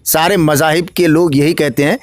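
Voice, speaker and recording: A man's voice: fairly high pitch, steady tone, normal speed, dry recording. A man with a Bihari Hindi-Urdu accent answering interview questions as an election candidate, in a preacherly way that rises to emphatic declamation.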